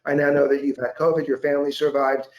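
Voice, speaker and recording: A man in his forties talking on a video call from home, telling a story with impassioned, animated energy. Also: mid-range voice, fast, muffled recording. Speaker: guest. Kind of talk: casual interview chat. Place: home room with large windows. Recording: echoey room.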